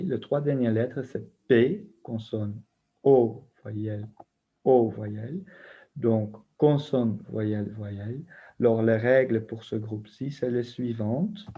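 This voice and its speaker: Man, teacher, recorded lesson, patient letter-by-letter explanations, very slow delivery, dull lo-fi audio. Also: mid-range voice, husky. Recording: muffled lo-fi recording.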